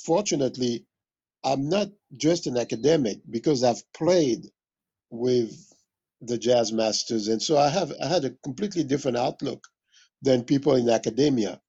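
A jazz musician and music history teacher from Mali in West Africa gives a reflective, explanatory interview, speaking in a deliberate, scholarly way and repeating phrases for emphasis. His husky voice is mid-range with a darkish tone, and the recording is muffled.

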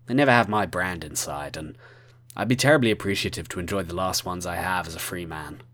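A man's voice: deep voice, brisk, fairly bright tone. A man voicing a cocky young male spy who speaks in polite, genteel phrases. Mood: wry, polite.

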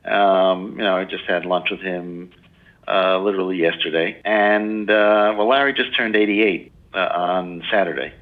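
A man's voice: low-pitched, fairly even intonation, a little slow, narrow, tinny audio. A man in his sixties, a biographer answering interview questions in a loose, rambling way full of "you know" and restarts. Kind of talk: casual interview talk.

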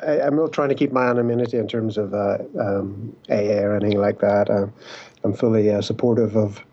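A man's voice: lowish voice, fairly even intonation, fairly quick, slightly rough. A man from Britain, a podcast guest and addiction researcher, talking casually and hesitantly over a remote call that keeps breaking up. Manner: hesitant, many fillers. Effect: breaking-up remote call connection. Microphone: remote call mic. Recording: dull lo-fi call audio.

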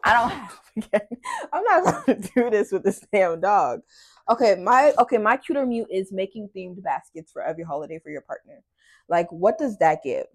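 A woman co-hosting a podcast, chatting casually in a brash, profane and playful way that swings from loud to quiet. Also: mid-range voice, very animated, brisk. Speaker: podcast co-host. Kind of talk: casual chat. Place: indoor room with a dog.

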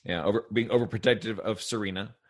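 A man's voice: on the low side, fast. A man in his thirties co-hosting a casual podcast about a cartoon, talking loosely with lots of "like" and fillers. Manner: loose, filler-heavy talk with frequent "like". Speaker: podcast co-host.

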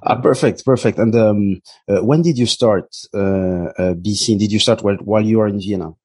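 A man's voice: lowish voice, brisk, dark tone, breathy edge. A man hosting a podcast interview, hesitant with many fillers. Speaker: podcast host. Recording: dry with faint music.

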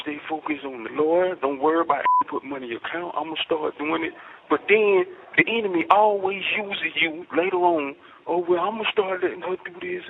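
A man talking on a prison payphone call, rambling and preachy, quoting scripture and turning heated and accusing. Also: high-pitched. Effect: prison payphone line. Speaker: inmate on a prison phone call. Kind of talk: rambling phone talk. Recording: tinny phone line with music behind. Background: music.

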